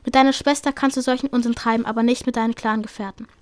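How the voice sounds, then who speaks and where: A woman's voice: on the high side, steady tone, fast, a little mellow, no echo, studio quality, natural voice. A woman voicing a stern, disapproving adult she-cat in a read-aloud storybook.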